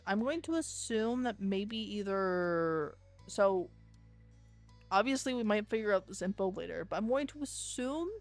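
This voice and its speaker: A woman streamer reading a visual novel aloud and thinking out loud between lines in a chatty way. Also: mid-range voice.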